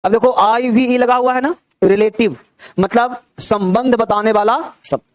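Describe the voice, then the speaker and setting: A man's voice: very high voice, steady tone, unhurried, no echo, studio quality. A young man teaching a grammar class, drilling pronunciation and checking in with his students. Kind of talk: classroom lecture.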